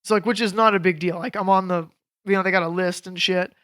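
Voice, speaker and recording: A man in his thirties, a guest on a podcast, telling casual stories in a rambling, animated way with lots of fillers. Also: high voice, quick pace, clear, resonant tone. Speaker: podcast guest, jiu jitsu coach. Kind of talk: casual storytelling chat.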